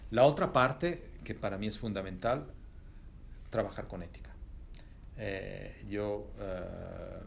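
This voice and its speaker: Gravelly man, thoughtful. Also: fairly low pitch, slight background noise. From Italy. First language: Italian. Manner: thoughtful, pauses with many fillers and restarts. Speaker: company executive, interview guest. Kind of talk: reflective interview answers.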